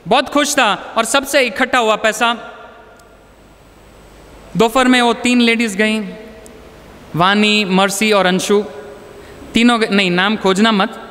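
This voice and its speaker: Motivational speaker, male, very high and bright-toned, chatty storyteller. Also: fairly even intonation, slow, pauses often, long reverb tail. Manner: conversational, anecdotal, mixes in English words. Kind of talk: storytelling talk to an audience.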